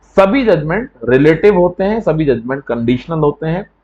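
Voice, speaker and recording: A man's voice: on the high side, sing-song, moderate pace, a little mellow, dull audio. A man teaching an exam coaching lecture in a conversational way, often checking with "right?" as he explains.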